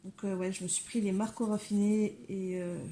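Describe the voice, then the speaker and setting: Over slight background noise, a woman speaks at a moderate pace in a dark, mid-range voice with fairly even intonation. She hosts a coloring channel, chatting through a relaxed tutorial in a windowed home room, with many fillers, asides and remarks to her cats.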